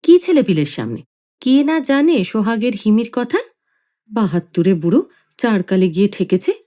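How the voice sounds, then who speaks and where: A woman voicing a sharp-tongued middle-aged mother who scolds in a shrill, scornful way. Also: sing-song, normal speed, close to an everyday voice.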